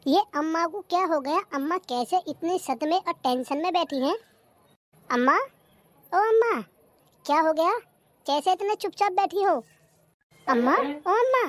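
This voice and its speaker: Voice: very high voice, lively intonation, moderate pace, a bit bright. A voice actor playing a young daughter-in-law who talks in a coaxing, insistent way in a comedy cartoon, with a rural Hindi accent. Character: sly, sweet-talking young daughter-in-law.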